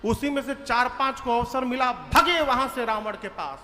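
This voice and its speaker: A religious storyteller, a man with an extremely high-pitched voice, tells a devotional epic at a moderate pace, acting out the characters dramatically. The recording comes from a reverberant hall with faint music behind him.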